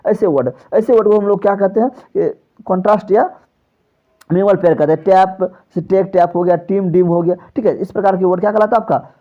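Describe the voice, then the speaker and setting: A male teacher giving an exam-prep lecture, who keeps asking his own questions and answering them and lets his voice drop at the end of phrases. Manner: drops pitch on closing phrases. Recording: slightly dull, lo-fi recording.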